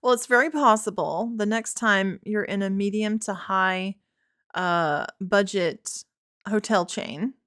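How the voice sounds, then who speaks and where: A woman's voice: medium pitch, slow pace, a bit bright, no echo, clean studio sound. A woman from Tennessee with a Southern accent, co-hosting a podcast in chatty, wry storytelling fashion. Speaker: podcast co-host. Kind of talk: casual chat.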